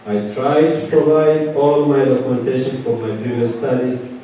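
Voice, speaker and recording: A man from Eritrea with an Eritrean accent, giving a measured personal testimony speech at a community event. English is not his first language. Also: medium pitch, fairly even intonation, warm tone, a little hiss or hum. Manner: earnest and measured, with deliberate pauses. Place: large event hall. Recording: echoey hall, from a distance.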